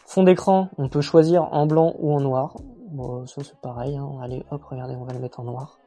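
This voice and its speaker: Male vlogger, casual walkthrough, mellow warm voice, easygoing and self-mocking. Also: medium pitch, normal speed. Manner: relaxed, chatty, many fillers and self-mocking jokes. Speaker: motorcycle reviewer.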